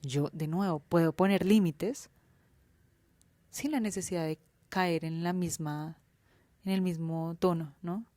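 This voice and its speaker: Colombian woman host, low-pitched, candid and slangy, dry close sound. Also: measured pace, mellow, no echo. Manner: candid, colloquial, swears freely. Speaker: podcast host. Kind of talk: reflective personal monologue.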